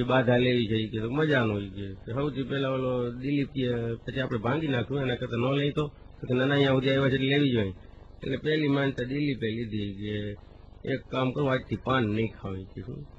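A man telling comic stories on stage, acting out the dialogue in quoted voices and slowing down to recite verse. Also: mid-range voice. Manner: recites verse slowly with drawn-out emphasis. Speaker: stand-up comedian. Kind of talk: live comic storytelling in a regional dialect. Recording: dull lo-fi live recording with faint hiss.

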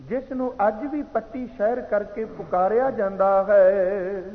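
A man giving a slow, measured sermon that explains recited verses, heard as tinny sound in a reverberant hall. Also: high voice. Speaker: preacher. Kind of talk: katha sermon.

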